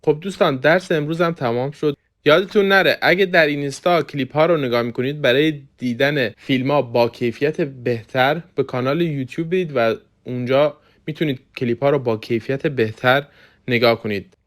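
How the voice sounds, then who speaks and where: Man, mid-pitched voice, language lesson, slow careful examples. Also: fairly bright tone. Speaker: French teacher.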